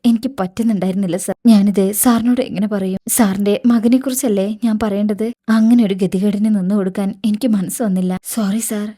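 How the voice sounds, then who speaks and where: A woman reading the lines of a frightened, tearful young woman who pleads and apologizes, in a mellow voice. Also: medium pitch, steady tone, brisk, hardly any pauses, lightly acted.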